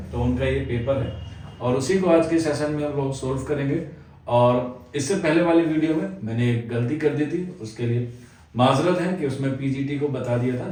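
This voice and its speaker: Echoey teacher talking off-mic. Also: male voice, medium pitch, darkish tone, far from the mic. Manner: repeats "jo hai vo" filler constantly, explanatory. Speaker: Urdu exam coaching teacher. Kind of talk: exam answer-key lesson.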